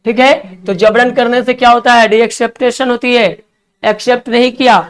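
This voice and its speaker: Man, classroom English-vocab teacher, clear smooth voice, spells words out, coaxing. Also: very high-pitched, little pitch movement, fairly bright tone. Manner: spells words letter by letter, coaxing students to write fast.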